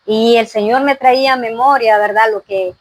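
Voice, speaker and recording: A woman's voice: fairly high pitch, steady tone, normal speed, dry recording, low-quality recording. Earnest woman testifying. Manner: earnest, full of religious phrases, frequent fillers and "¿verdad?". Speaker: interview guest giving testimony. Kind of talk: personal faith testimony.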